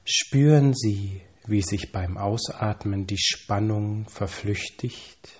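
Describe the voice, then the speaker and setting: Low husky guy talking you thru muscle relaxation, super slow and calm. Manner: calm, measured instructions with long pauses and slow counting. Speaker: relaxation guide. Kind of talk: scripted guided relaxation.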